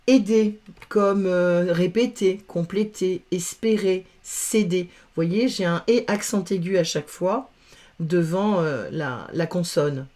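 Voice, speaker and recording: A woman teaches verb conjugation, spelling out each letter and sound patiently. She speaks at a very slow, deliberate pace. Her voice is warm and mellow, in a middle register. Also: medium pitch. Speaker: French grammar teacher. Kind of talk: slow, careful grammar lesson.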